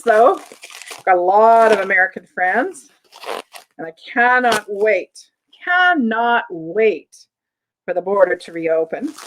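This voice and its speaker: A Canadian-accented woman vlogger unboxes auction finds in a sunny indoor room, chatting casually to the camera and rambling, correcting herself, and using fillers as she goes. Her voice is medium-pitched, and the rough recording carries slight background noise.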